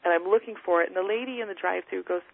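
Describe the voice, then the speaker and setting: A woman's voice: on the low side, vocal fry, dry recording. Earnest woman on a tinny phone line. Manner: earnest, halting, many restarts and fillers. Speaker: podcast guest. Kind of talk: casual storytelling.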